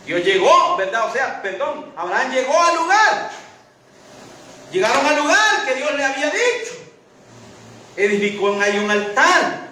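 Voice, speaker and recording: High, bright-voiced preacher in echoey church. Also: male voice, sing-song, measured pace, pauses often, far from the mic. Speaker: pastor. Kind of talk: sermon. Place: church hall. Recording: echoey church hall from afar, faint hiss.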